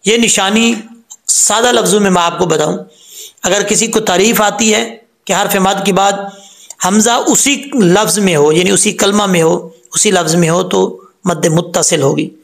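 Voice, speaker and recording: A man teaching Quran recitation, explaining each sound patiently step by step and chanting the verses slowly. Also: sits high, gravelly. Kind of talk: tajweed lesson with recitation.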